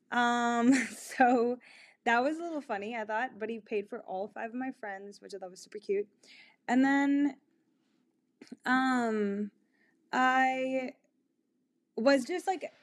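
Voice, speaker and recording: Chatty young woman telling stories. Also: fairly high pitch. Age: young adult. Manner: chatty, filler-heavy with constant "like" and "um"; candid and giggly, laughs mid-sentence. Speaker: vlogger. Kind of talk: casual storytelling.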